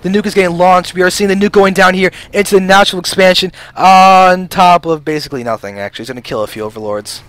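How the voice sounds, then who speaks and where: A man casting a strategy video game match alone, a mostly flat play-by-play with frequent fillers and sudden jumps in excitement. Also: high-pitched, fast talker, few pauses, no echo. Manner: self-described monotone even when excited; frequent fillers and restarts, swings between flat and hyped. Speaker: esports caster. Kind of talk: solo play-by-play game commentary.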